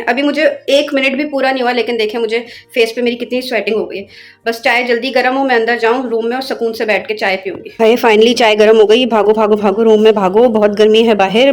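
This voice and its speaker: A young woman from Pakistan chatting casually to her viewers in a vlog, lively and talkative. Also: a little high. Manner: chatty, animated, addresses viewers as guys. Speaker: vlogger.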